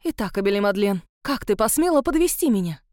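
A woman's voice: expressive, fast, a little mellow, dry recording, studio quality, close to an everyday voice. A woman reading an audiobook voices a spiteful, sanctimonious old countess who hisses and scolds with scorn. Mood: scolding. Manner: hissing, scornful, shrill scolding. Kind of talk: audiobook character voice.

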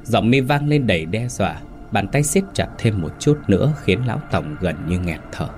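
A man narrating a horror story in a dramatic, measured way. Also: lowish voice, very animated, a little mellow. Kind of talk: scripted ghost story narration. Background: faint music.

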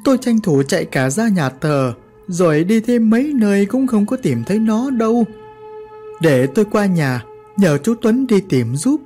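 Narrator playing a frantic rural father who shouts in alarm when his child goes missing. The voice runs high and swings widely, with soft music far behind. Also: expressive, normal speed. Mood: worried.

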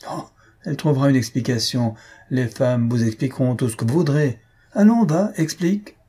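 A man reading aloud and voicing a grumpy, irritable older husband who blusters and shouts sarcastically. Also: medium pitch, steady tone, brisk, slightly rough, lightly acted. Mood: blustering.

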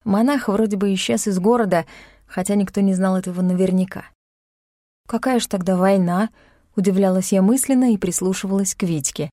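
A woman reads first-person fiction in a calm, wry tone, dry and close to the mic. Her pitch sits at an average female level, and her pace is even and steady. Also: fast, dry recording. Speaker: audiobook narrator. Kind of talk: first-person novel narration. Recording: dry close studio sound.

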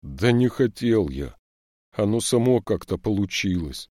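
A man's voice: on the low side, animated, unhurried, a little mellow, no room sound, studio quality, pitched above the performer's own voice. A man voicing a sullen, hefty teenage thief in an audiobook, protesting and snapping back. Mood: sulky.

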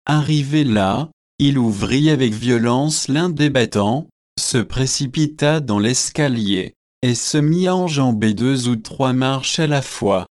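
Slow-reading male audiobook narrator. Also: mid-range voice, a little mellow. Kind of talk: scripted narration of a novel.

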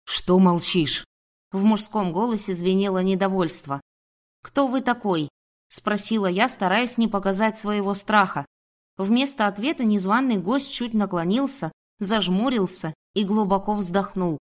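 A woman reading a first-person audiobook in a steady, measured manner. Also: medium pitch. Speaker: audiobook narrator. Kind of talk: first-person scripted narration.

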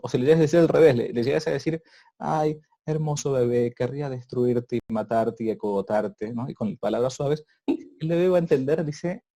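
A man's voice: mid-range voice, gravelly, mellow, husky. A man, a priest hosting a casual interview, talking in with many restarts and fillers. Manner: hesitant, many repeated words and fillers. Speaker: host, priest.

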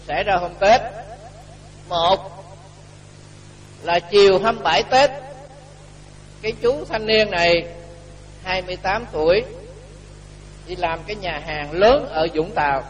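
A man giving a Buddhist sermon, telling a story and acting out the dialogue. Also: high-pitched. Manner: lively storyteller, acts out dialogue with rising and falling volume. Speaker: Buddhist monk giving a dharma talk. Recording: echoey hall with faint hum.

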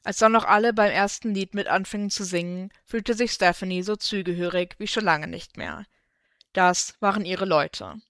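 A woman reading a fan story aloud in steady, even narration, close to the microphone. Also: medium pitch, moderate pace, dry recording. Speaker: fanfiction reader.

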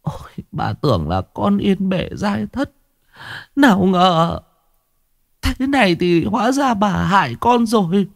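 A man's voice: sits high, slow pace, long pauses, dry recording, studio quality, voice pushed up. A man voicing a frail old grandmother, weeping. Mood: anguished. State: crying.

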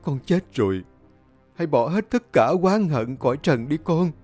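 Sorrowful old granny, soft imploring voice, as a male narrator puts her on. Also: fairly high pitch, animated, moderate pace, soft background music, voice pushed up. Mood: pleading. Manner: tearful, gentle pleading. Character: grieving old grandmother pleading with a ghost.

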